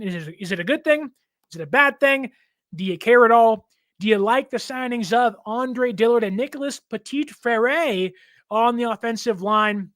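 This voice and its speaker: A man's voice: very high-pitched, a bit bright, no echo, clean studio sound. A young man hosting a sports podcast in casual chat, talking loosely with lots of fillers and laughs. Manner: chatty, laughing, filler-heavy. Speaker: podcast host.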